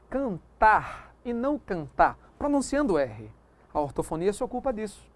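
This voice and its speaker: A man's voice: high-pitched, no room sound. Chatty, emphatic male grammar teacher. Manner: lively, emphatic, drags out example words; chatty asides to the viewer. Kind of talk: recorded lecture.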